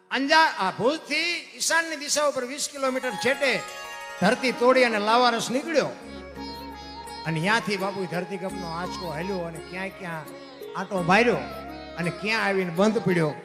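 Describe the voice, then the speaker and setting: A man's voice: sits high, normal speed. A man telling a live dayro story on stage, folksy and preachy, calling his listeners bapu. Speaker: folk storyteller. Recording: reverberant hall with music behind.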